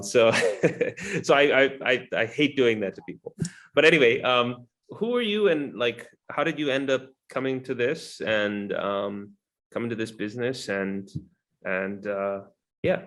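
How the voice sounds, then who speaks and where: A man's voice: mid-range voice, expressive, moderate pace, a bit bright. A man hosting an interview, asking long, rambling questions full of "um" and "you know" in a friendly, chatty way. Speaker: interview host. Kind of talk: casual interview chat.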